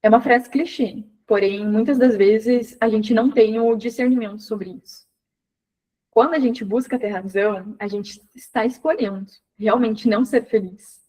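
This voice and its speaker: A woman with a fairly high voice leads a devotional talk in a conversational, animated way. She talks straight to her listeners and acts out little voices to make her points. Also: normal speed, low-quality recording. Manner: speaks directly to listeners, calling them by name. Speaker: speaker at a women's devotional program.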